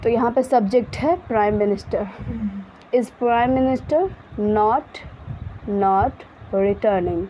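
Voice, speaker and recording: A woman English teacher with a slightly high voice drills example sentences at a crawl, then rushes through explanations in Hindi. She stops to correct herself and apologize. The recording is dull and lo-fi, with a faint hiss behind it. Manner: self-correcting, apologetic asides. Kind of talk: Hindi-language English grammar lesson.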